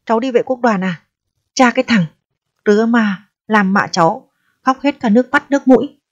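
A woman voicing a frail, hoarse, kindly old village man who mumbles and fusses, on a slightly dull lo-fi recording. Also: on the high side, moderate pace, pitched above the performer's own voice, lightly acted. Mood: scolding fondly.

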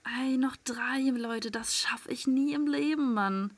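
A woman giving excitable live commentary on her gameplay, swearing freely and swinging between loud outbursts and tense whispers. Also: sits high, measured pace. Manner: swears freely, talks to viewers with tag questions. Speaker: let's play gamer.

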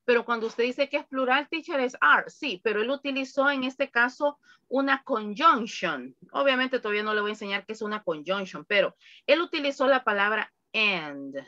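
A woman's voice: fairly high pitch, expressive, moderate pace, bright, forceful tone, no room sound, dull audio. A woman from El Salvador, teaching an online English class in a chatty way with lots of examples.

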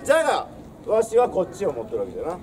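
Animated young man lecturing in samurai speech. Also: high-pitched, rapid-fire, distant mic. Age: young adult. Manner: projected, declamatory, swaggering storyteller with archaic samurai phrasing. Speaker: costumed performer playing a samurai, giving a history lesson. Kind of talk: theatrical history lecture to an audience in old samurai speech. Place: outdoors in front of a castle stone wall. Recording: outdoor recording with crowd, birds and traffic.

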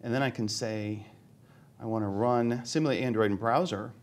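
A man speaks from a conference stage, his voice at an everyday middle pitch. He jokes with the crowd and pokes fun at himself as he types commands. He narrates each step of his live demo out loud. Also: normal speed. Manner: joking, self-deprecating, thinks aloud while demoing. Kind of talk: live tech talk demo. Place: conference hall with live audience.

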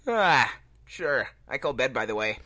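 A man's voice: medium pitch, sing-song, unhurried, a crowd in the background. A man voicing a cocky, teasing, laid-back hedgehog hero in an amateur fan fiction reading. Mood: smug.

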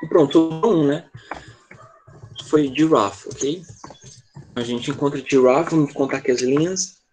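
In an online class held over video call, a man teaches children English, patiently asking brief check-in questions. His voice is fairly high and darkish, his pace measured, with faint music audible in the background.

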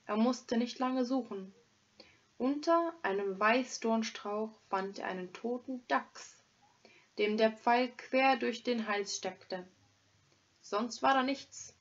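A woman teacher reading a story aloud in a clear, deliberate way, in a dull lo-fi recording. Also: on the high side.

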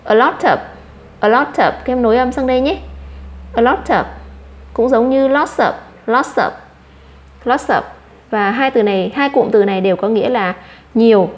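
A woman with a Vietnamese accent gives an English vocabulary lesson to children. Her voice sits a little high, and she repeats each English word slowly and patiently before explaining it. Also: darkish tone. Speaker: English teacher.

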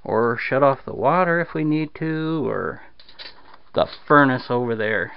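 A medium-pitched man with a gravelly yet clear, resonant voice rambles in a slightly slow, animated drawl, packed with fillers. He's recording a home repair walkthrough in a damp basement, and the handheld camera's audio is dull and lo-fi.

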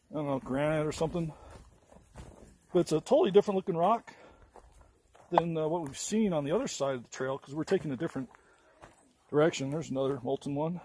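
A travel vlogger narrates casually on a hike, rambling easygoingly with lots of fillers, recorded on a camera mic outdoors. His voice is a little high yet dark in tone, with a little hiss or hum in the audio.

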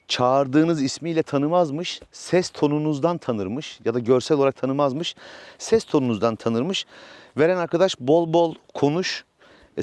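A man's voice: fairly high pitch, darkish tone, no echo. A man vlogging outdoors from his village farm, chatting casually about his new horse and coaxing it along. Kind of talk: casual vlog narration.

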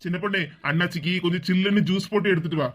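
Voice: mid-range voice, steady tone, very fast, a little hiss or hum, lightly acted. A performer voicing a grown son who pleads and argues with his mother in a Tirunelveli Tamil accent. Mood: exasperated. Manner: pleading, exasperated questioning. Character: middle-aged son, patient and defensive.

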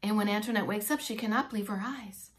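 This fast-talking woman with a medium-pitched voice is a preschool teacher, probably in her forties. Reading a picture book aloud with lots of expression, she halts to explain words and ideas to young kids, in a small room containing a bookshelf and whiteboard.

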